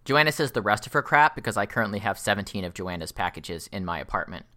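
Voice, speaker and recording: A man's voice: on the low side, expressive, fast, bright, forceful tone. A young man co-hosting a casual podcast chat, rambling with lots of fillers and restarts. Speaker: podcast co-host.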